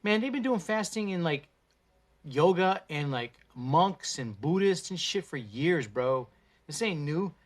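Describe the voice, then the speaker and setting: A man's voice: a little high, measured pace. Cursing, slangy man on a livestream. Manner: profane, slangy and animated. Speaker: livestream host. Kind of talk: casual livestream chat. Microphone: phone on a livestream.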